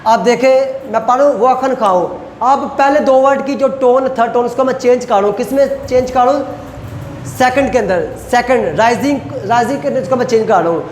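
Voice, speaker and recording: High-voiced male lecturer in echoey hall. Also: slight background noise. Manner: explains step by step, repeats example phrases slowly. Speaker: teacher. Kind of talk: classroom lecture.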